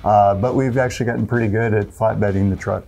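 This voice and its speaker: Gravelly, low-voiced middle-aged man. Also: steady tone, quick pace, a little mellow, slight background noise. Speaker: co-host. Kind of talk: casual studio conversation. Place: indoor studio with a car.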